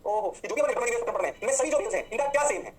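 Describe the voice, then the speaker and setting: A male physics teacher, giving a rapid lecture and answering his own questions the way a student would. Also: very high voice, expressive. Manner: drawn-out exclamations. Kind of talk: fast classroom lecture.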